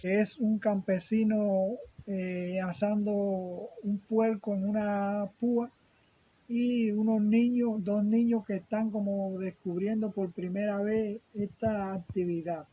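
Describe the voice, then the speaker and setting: A man's voice: high voice, level tone, slow pace, narrow, tinny audio, soft background music. A man, speaking plainly and a bit hesitantly as an interviewed sculptor. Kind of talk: interview answer.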